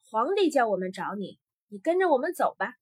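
A man's voice: very high voice, very animated, a little fast, slightly rough, full character voice. A woman voicing a bossy, brusque male palace official who barks orders, in a storybook tale.

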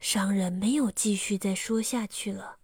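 A woman narrating a children's bedtime story slowly and softly. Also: mid-range voice, fairly even intonation, husky, dry recording, clean studio sound. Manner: slow and soft.

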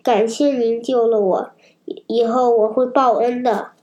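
A woman's voice: fairly high pitch, fairly even intonation, a little slow, mellow, muffled recording, close to an everyday voice. A woman voicing a big talking dog in a children's storybook reading, pleading and then grateful. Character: frightened talking dog, male.

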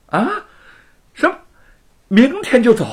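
An earnest young male scholar, as a man reads him aloud in an audiobook story. He pleads with sincere warmth, and his voice swings through a wide, lively pitch range. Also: unhurried, heavily acted. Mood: shocked.

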